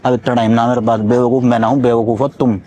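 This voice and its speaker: A man's voice: medium pitch, level tone, fast, mellow. A man playing a cheeky prank on a woman, teasing her with mock-innocent banter. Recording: crowd noise behind.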